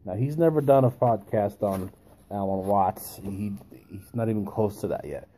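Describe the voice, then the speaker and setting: A man talking in a musing, halting way with long pauses, as a video host giving a reflective philosophical monologue with a pipe in his mouth. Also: fairly low pitch, mellow.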